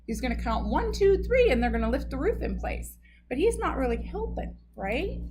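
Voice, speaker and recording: A woman reads a picture book aloud at bedtime and stops often to explain it gently to children. Her voice sits high and swings widely in pitch. A faint hum sits behind her. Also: very animated, brisk.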